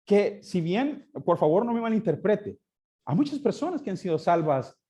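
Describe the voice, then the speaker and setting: A man's voice: sits high, big pitch swings, normal speed, warm tone, husky. A man teaching a Sunday school class, often asking his listeners questions and answering them himself. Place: church classroom.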